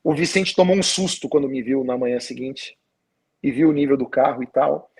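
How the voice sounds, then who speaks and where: Husky Brazilian pastor telling his story. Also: medium pitch, normal speed. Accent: Brazilian Portuguese. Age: adult with a wife. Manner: storytelling, acting out dialogue. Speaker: pastor and podcast guest. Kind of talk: personal testimony in a podcast conversation.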